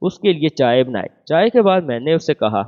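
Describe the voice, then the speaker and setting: A man reading a romantic first-person story as scripted narration, voicing every part in the same even voice. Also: on the high side. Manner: reads all parts in one even voice. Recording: phone-like narrow band.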